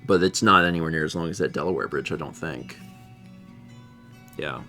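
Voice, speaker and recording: A man's voice: very deep voice, moderate pace, sharp tone, faint music behind. A man hosting a casual livestream, rambling and repeating himself as he muses and reads out viewer comments. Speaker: livestream host.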